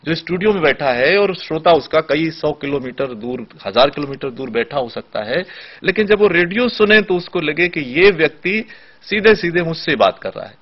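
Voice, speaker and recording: Man, studio guest, teacherly, deliberate pauses, dull lo-fi broadcast audio. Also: fairly high pitch, expressive. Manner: teacherly, gives spoken examples with deliberate pauses. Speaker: radio expert guest. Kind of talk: explanatory studio discussion. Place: television studio.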